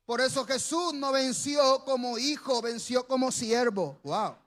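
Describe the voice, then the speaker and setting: Male pastor, very high voice, preaching sermon with shouted peaks and call-and-response. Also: unhurried.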